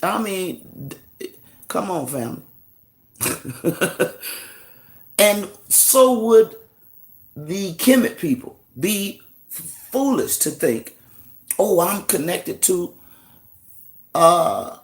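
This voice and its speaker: A man hosting a live stream, talking in an animated, casual preaching manner and calling listeners "family.". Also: sits high, extremely slow, pauses often.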